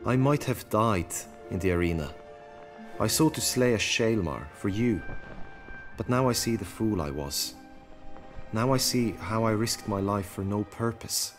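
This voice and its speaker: Earnest, gallant fantasy knight. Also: male voice, fairly low pitch, expressive, unhurried, soft background music. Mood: earnest devotion. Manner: florid, formal chivalric speech. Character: earnest, lovestruck chivalrous knight, gallant and devoted. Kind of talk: dramatic fantasy game acting.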